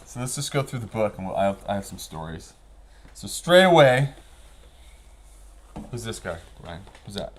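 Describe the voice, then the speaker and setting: Very animated but leaving long pauses, a man with a voice on the low side speaks at a normal speed. He's about fifty, a snowboarding veteran guesting on an interview, casually spinning stories in slangy language as he pages through a book.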